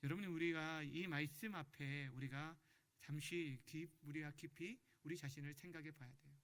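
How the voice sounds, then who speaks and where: Male pastor preaching in church: high, bright voice, leads the scripture reading and quizzes the congregation. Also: steady tone, normal speed. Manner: asks the congregation questions. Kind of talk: sermon.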